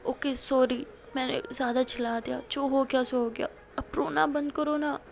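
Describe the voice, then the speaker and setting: A woman's voice: sits high, level tone, moderate pace, vocal fry. A woman doing a fiery, scolding young college woman. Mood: coaxing. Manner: sharp, scolding. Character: young college woman, hot-tempered but loving.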